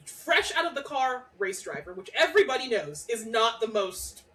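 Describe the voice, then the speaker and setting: A woman co-hosting a podcast in casual chat, an animated, profane storyteller who laughs as she talks. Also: fairly high pitch, normal speed, low-quality recording. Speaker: podcast co-host.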